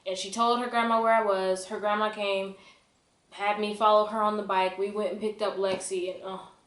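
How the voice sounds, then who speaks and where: A young woman tells a personal story to camera in casual vlog style, her voice medium-pitched, a little bright, and at a normal speed. Though her intonation is flat, she delivers it dramatically and emphatically, mocking herself as she goes. The recording sounds echoey and roomy.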